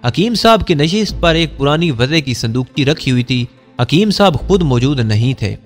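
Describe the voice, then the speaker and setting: A man narrating a first-person story in a measured storytelling delivery. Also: a little high, animated. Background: faint music.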